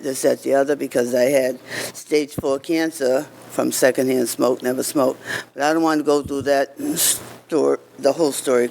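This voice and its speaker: A man giving informal, earnest testimony to a committee, halting and conversational, with slightly slurred speech as if one side of his mouth is numb. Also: medium pitch, gravelly, a little hiss or hum, rough recording. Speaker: cancer survivor giving public testimony.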